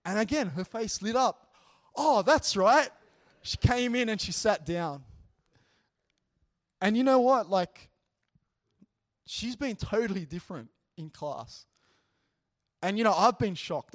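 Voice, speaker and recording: A man preaching in a relaxed, conversational way, telling stories earnestly and animatedly, with frequent "you know" asides. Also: sits high, unhurried, pauses often. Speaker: preacher sharing a testimony. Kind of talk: conversational sermon storytelling.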